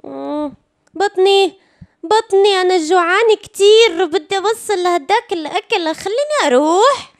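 A tiny cartoon animal, with an extremely high voice that swoops around. It is childlike, exclamatory and pleading, made for a children's puppet show. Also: female voice, expressive, normal speed. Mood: hungry, pleading. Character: small hungry, pleading mouse or fish creature.

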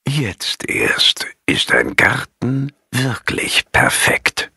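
A man doing a mischievous old monk, gentle, kinda sly, storybook reading. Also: fairly high pitch, sing-song, slow pace, creaky, husky, no room sound, voice pushed up, exaggerated voice. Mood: sanft. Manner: warm praise, gentle. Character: old grinning male monk, mischievous and wise.

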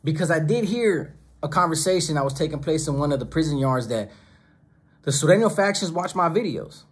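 In direct-to-camera commentary from a small home studio with monitors and speakers, a middle-aged channel host sits at his desk near a close camera mic. His voice is on the high side with a breathy edge, and he's animated and brisk, preachy and emphatic, often stringing phrases together in lists.

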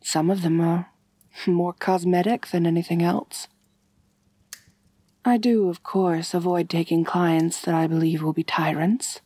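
Here the same woman voices an ancient, rich vampire mistress for intimate ASMR, speaking genteelly and with measure, affectionate but softly in control. The tone stays steady and her breathy, soft voice is lowish, composed and matter-of-fact, with no room sound.

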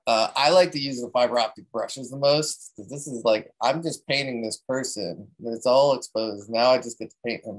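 Relaxed man explaining a photography technique. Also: mid-range voice, poor audio. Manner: relaxed, rambling, many fillers and restarts. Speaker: presenter at a photography talk. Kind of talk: casual technique talk.

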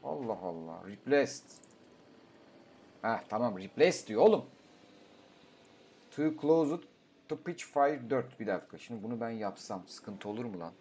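Young guy, fairly low voice, mumbling and cursing at his game, faint game sounds behind. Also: normal speed, creaky, a little hiss or hum. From Turkey. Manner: swearing, talking to himself, excitable outbursts. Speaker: gaming YouTuber. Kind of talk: casual gameplay commentary.

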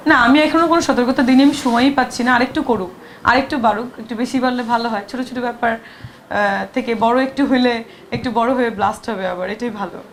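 A woman actress with a fairly high voice answers press questions between takes. Her throat is sore, but she talks on in a chatty, defensive way with quick asides. A faint noise of the shooting location sits behind her. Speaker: film actress.

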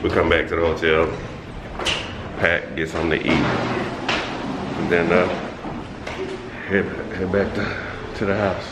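A man vlogging casually through a face mask, relaxed and rambling as he catches his viewers up. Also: low-pitched, takes it slowly, pauses often, heavy background noise. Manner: relaxed, rambling, laughs easily. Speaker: family vlogger. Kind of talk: casual vlog chat to camera.

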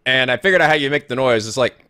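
A man's voice: mid-range voice, fast talker, bright, forceful tone, clean tone, no room sound. A man giving casual, playful gameplay commentary, exclaiming and swearing freely as host. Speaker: gaming video host. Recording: game music behind commentary.

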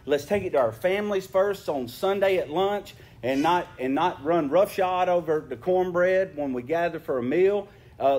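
A man's voice: on the high side, darkish tone. A man preaching a sermon, earnest and conversational, often repeating words as he restarts, then reading scripture and praying. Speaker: pastor. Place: church sanctuary.

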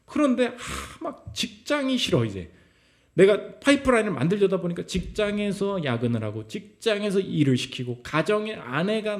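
Male pastor, sermon at church, casual preaching full of rhetorical questions, fairly high voice with a very lively melody. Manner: conversational preaching with many rhetorical questions to the congregation. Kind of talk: sermon at a Friday prayer meeting. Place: church service.

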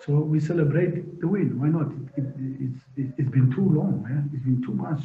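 A man's voice: on the high side, moderate pace. A middle-aged man, a football coach answering post-match press questions in an emphatic way, repeating words and asking rhetorical questions, over a video call. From South Africa. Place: press room in front of sponsor board. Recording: echoey, tinny video-call audio.

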